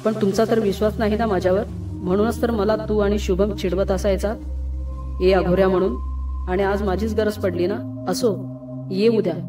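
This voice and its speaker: A woman's voice: mid-range voice, fairly even intonation, moderate pace, lightly acted. A woman voicing a brash young man who talks to his friend in a familiar, teasing, touchy way. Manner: familiar and teasing, turns curt. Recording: roomy, distant, music behind.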